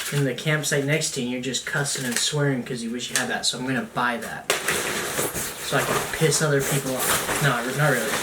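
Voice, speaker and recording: A young man vlogging casually at home, chatty and self-mocking, with jokey asides as he unpacks gear. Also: a little high. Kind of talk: casual unboxing vlog. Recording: roomy, distant camera mic, noisy.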